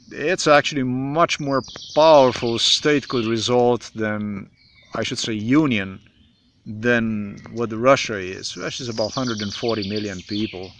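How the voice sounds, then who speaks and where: A man in his forties from Slovenia with a Slovenian accent, speaking in a halting, repetitive, emphatic monologue to a phone camera in a forest. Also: medium pitch, fairly bright tone, slight background noise. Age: 40s. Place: outdoors in a forest. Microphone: phone camera at arm's length.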